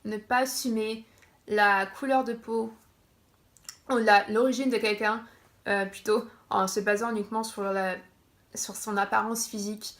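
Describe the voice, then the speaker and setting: A woman's voice: medium pitch, little pitch movement, measured pace, a bit bright. A young woman from France chatting casually on her vlog, laughing often and correcting herself as she goes. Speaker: vlogger.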